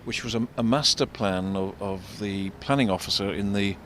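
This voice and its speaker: An older man giving unscripted commentary as an architect and local guide, discursive and explanatory, halting and repeating words. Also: fairly bright tone. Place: outdoors in a shopping street. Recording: vehicle rumble, street noise. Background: faint street traffic rumble.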